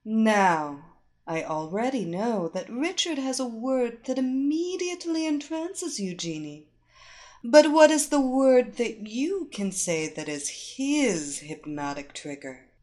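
A woman voicing a seductive, domineering female hypnotist who gives slow, soothing commands. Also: on the high side, animated, darkish tone. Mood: teasing. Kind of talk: erotic audio story acting.

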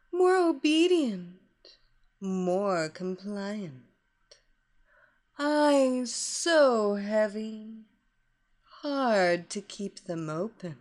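A woman voicing a commanding, seductive female hypnotist who draws her listener into her power with a slow, soothing, repetitive cadence. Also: medium pitch. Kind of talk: hypnosis story reading.

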